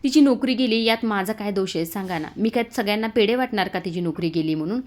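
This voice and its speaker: A woman's voice: medium pitch, expressive, quick pace, close to an everyday voice. Woman voicing a hurt, worried mother. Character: worried, tearful middle-aged mother.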